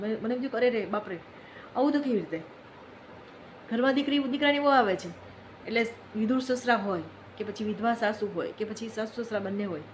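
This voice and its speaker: A woman's voice: medium pitch, slight background noise, poor audio. A woman giving an earnest, reflective moral talk, telling stories and repeating phrases for emphasis. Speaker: speaker on social issues.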